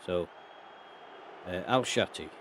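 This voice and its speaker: Breathless guy talking over his football manager game, lowish voice, thinking out loud. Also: slow pace, a little hiss or hum. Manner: thinking aloud, reacting to match moments. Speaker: video game player and channel host.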